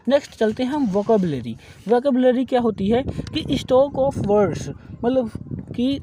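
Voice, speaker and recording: A male teacher with a mellow voice. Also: very high voice, slightly rough. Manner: repeats key terms slowly, then explains them in Hindi; frequent checking "ठीक है". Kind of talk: grammar lesson explaining definitions.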